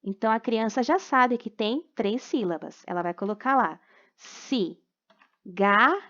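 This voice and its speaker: A Brazilian woman teacher with a fairly high voice talks parents through homework corrections in a patient, explanatory way, pausing often to check they follow. The recording is dull and lo-fi, made at home. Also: animated. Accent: Brazilian Portuguese. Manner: patient, explanatory, frequent check-ins, slow syllable-by-syllable dictation. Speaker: primary school teacher. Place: at home during quarantine.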